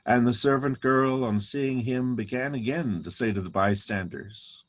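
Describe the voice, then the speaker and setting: A man's voice: medium pitch, normal speed. A man narrating a dramatic reading of scripture.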